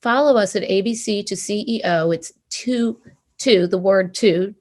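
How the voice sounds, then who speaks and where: A woman co-hosts a panel over a video call, her voice sitting in a middle register. She speaks effusively and warmly praises the panelists as she closes. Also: mid-range voice, unhurried. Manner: enthusiastic, effusive. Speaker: co-host of a panel.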